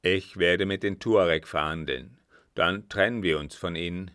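A man voicing a cold, calculating former guard captain in an audiobook, speaking louder and more forcefully than in his narration. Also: deep voice, moderate pace, dry recording, studio quality. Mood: scheming. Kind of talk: audiobook reading.

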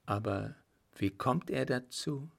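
A man voicing a timid, polite young woman who speaks softly and pleadingly, raised above his own low voice. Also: slow, gravelly. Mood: anxious, polite. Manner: soft, pleading, formal.

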